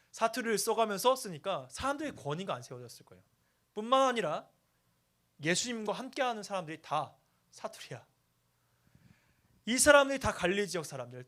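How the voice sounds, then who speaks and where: A young man from Chungcheong preaches to teenagers with a bouncy, swooping delivery. He jokes freely and slips into mock dialect voices for his quotes. His voice sits a little higher than most men's. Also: fairly bright tone. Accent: Seoul Korean, with Chungcheong traces. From Chungcheong, Korea. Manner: playful, jokey, acts out quotes in dialect. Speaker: youth pastor. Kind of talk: youth sermon.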